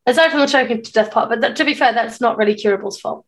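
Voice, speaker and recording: Woman co-host, casual chat, voice a bit on the high side. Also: fast talker. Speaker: podcast co-host.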